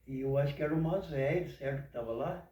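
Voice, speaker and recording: A man's voice: a little high, fast talker, warm tone. Older man talking, far off in a roomy space. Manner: devout, uses folksy exclamations. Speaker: interviewee. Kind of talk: casual storytelling. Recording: echoey room from far off.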